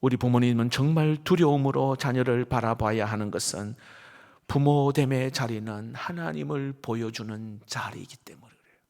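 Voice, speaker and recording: A middle-aged male pastor, preaching a sermon emphatically and swinging between loud stresses and hushed, half-whispered asides. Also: medium pitch, moderate pace, gravelly. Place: church sanctuary. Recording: reverberant church sanctuary.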